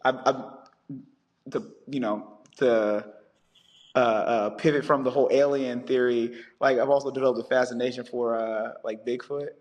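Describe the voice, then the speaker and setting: A man who is a science teacher, chatting on a podcast as a guest and telling stories with animated energy. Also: mid-range voice, normal speed, long reverb tail, lo-fi sound. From United States. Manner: animated storyteller, acts out callers in quotes. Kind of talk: casual podcast chat.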